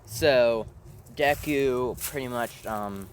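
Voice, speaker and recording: A man's voice: medium pitch, slow pace, slight background noise. A man casually narrating a made-up fan story, rambling, with fillers and the odd swear word.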